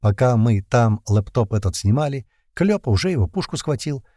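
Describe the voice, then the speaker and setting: Casting: male first-person narrator, tense and colloquial, mellow dark timbre, dry close sound. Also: mid-range voice, very animated, normal speed, no echo. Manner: tense, colloquial storytelling with slang. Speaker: audiobook narrator.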